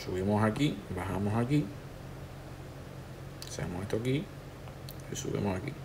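Male tutor, lowish voice, relaxed step-by-step walkthrough. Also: normal speed, background noise. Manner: relaxed, instructive, talks the viewer through each step. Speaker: tattoo artist teaching a digital stencil technique.

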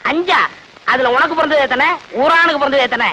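A cheeky high-voiced village clown. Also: male voice, a little fast, background noise. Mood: teasing. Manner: mocking, squabbling, yelps when hit. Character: bumbling, cheeky village man. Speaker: comic actor in film scenes. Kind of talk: 1980s-90s Tamil film comedy.

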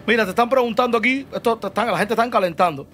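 A man hosts in a notably high voice. He relays audience questions with careful politeness and gently probes his guests. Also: very fast, slight background noise. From Cuba. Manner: reads viewer questions, polite and probing. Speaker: host. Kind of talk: casual interview.

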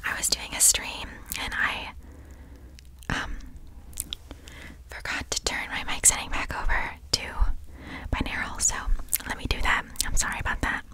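A woman's voice: unhurried, long pauses. Young woman whispering casual ASMR. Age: young adult. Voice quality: breathy whisper. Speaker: ASMR creator. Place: small indoor bedroom. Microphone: large desktop condenser microphone, very close.

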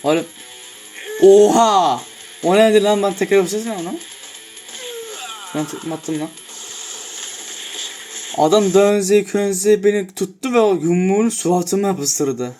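A young man with a somewhat high voice chats and swears his way through a fighting game. He reacts loudly to every hit and explosion. Game music plays clearly underneath. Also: unhurried, pauses often, low-quality recording. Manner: excitable, swears casually, shouts in surprise. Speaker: gameplay streamer. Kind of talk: casual gameplay commentary. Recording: music clearly heard behind.

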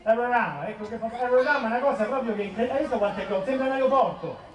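A man's voice: very high voice, very fast. A man in his forties with a Roman accent, doing rambling live stand-up cabaret on an outdoor piazza stage. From Rome. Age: 40s. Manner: chatty, rambling, filler-heavy. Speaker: cabaret comedian. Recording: echoey outdoor stage, far off, crowd.

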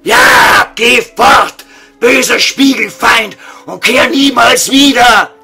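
A man playing a pompous, evasive old vampire count in a comedy audio sketch, speaking formal, ornate standard German with a gravelly voice. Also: very high voice, takes it slowly, sharp tone, raised voice, soft background music, exaggerated voice. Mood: furious. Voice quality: gravelly, creaky.

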